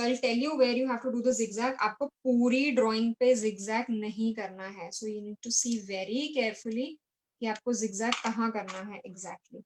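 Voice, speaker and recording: A woman's voice: fairly high pitch, background noise. A young woman with an Indian English accent, teaching an online art class to children, patient and coaxing, repeating her steps as she mixes Hindi and English.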